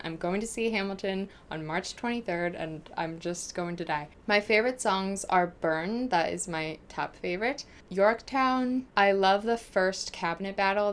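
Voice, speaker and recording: A young woman from the United States, speaking at a medium pitch, answers viewers' questions as a book vlogger. She's casual and informal, gushing and animated throughout.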